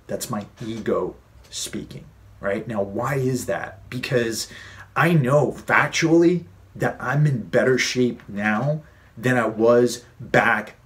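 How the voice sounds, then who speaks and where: A man in his late thirties hosts a fitness advice vlog as its coach, speaking in a low-ish voice with a fairly bright tone. He is earnest and conversational, repeating key points for emphasis.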